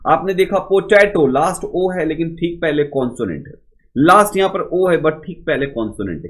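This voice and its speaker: A man teaching a grammar lesson to students, explaining step by step, reading rules out slowly and often checking whether they follow. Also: a little high. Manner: explains step by step, asks many check questions; reads rules out slowly and deliberately.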